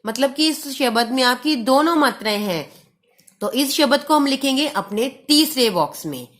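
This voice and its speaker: A woman's voice: sits high, fairly bright tone. A woman teaching young children a Hindi lesson, patiently sounding out each syllable and affectionately calling the pupils "beta". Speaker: primary school Hindi teacher.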